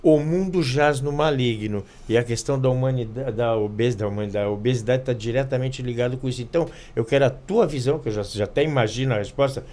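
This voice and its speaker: Guy hosting a podcast, mid-pitch voice, keeps restarting words and tacking on little questions. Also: darkish tone. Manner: halting, restarts words, leans on tag questions. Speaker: podcast host and physiologist. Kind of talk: casual podcast interview.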